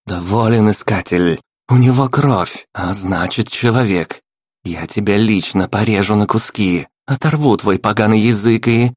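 A man's voice: low-pitched, big pitch swings, slow, hardly any pauses, breathy edge, dry recording, studio quality, full character voice. A man voicing a short-tempered red-haired female mercenary who snaps and hisses threats. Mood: furious. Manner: snapping, hissing threats.

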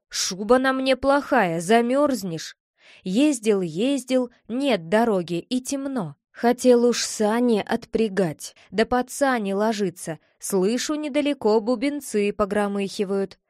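A woman reads children's stories aloud in a measured, plain way. Her voice sits a little high, and the recording is dry and close with no room sound. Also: a little mellow, dry recording. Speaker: reader.

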